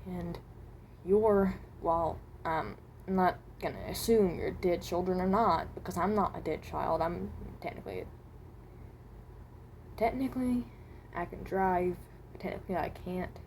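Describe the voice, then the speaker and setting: A woman voices a haunted animatronic holding the soul of a seventeen-year-old, speaking in a slightly low, somewhat mellow voice at an unhurried pace. The improvised amateur monologue is earnest, awkward and guarded, rambling through hesitations and trailing thoughts, with light noise on the home recording.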